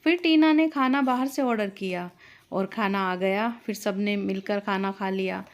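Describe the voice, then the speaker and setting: A woman narrating a scripted family story in a steady, plain storytelling manner. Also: mid-range voice, moderate pace.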